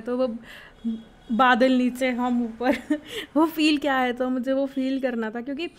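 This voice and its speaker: A young woman narrating her first flight as a travel vlogger, excited and reflective, mixing in English words. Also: on the high side.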